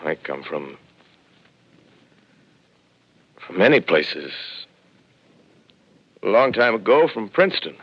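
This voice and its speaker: Haunted lone professor, very deep voice, grave and measured, muffled AM radio sound. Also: male voice, sing-song, husky, full character voice. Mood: wary. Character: lone male professor surviving an alien invasion, shaken and weary. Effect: old AM radio broadcast sound. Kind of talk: 1930s radio drama narration. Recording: muffled 1930s AM radio broadcast.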